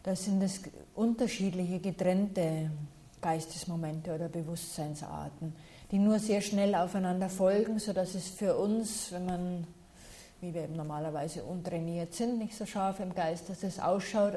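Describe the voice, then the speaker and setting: Female meditation teacher, low warm voice, calm explanatory delivery answering questions. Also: moderate pace.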